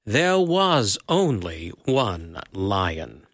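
Man doing a vast, calm old lion, deep and slow, dry close sound. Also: no room sound, full character voice. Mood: solemn. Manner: slow, grave and low.

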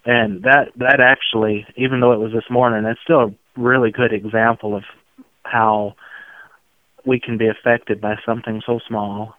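Man, slow Southern US drawl, unflappable, reflective interview talk, resonant voice, dry phone-like sound. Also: medium pitch, flat delivery, no room sound. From outskirts of Memphis, Tennessee. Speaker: interview guest. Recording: muffled narrow phone-like line.

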